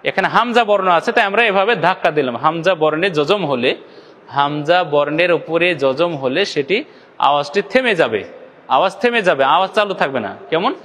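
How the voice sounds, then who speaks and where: A man from Bangladesh teaches Quran recitation step by step in a large hall, addressing viewers directly. He poses questions, answers them himself, and stretches out syllables to demonstrate. His voice is fairly high, animated, a bit bright, and fairly quick.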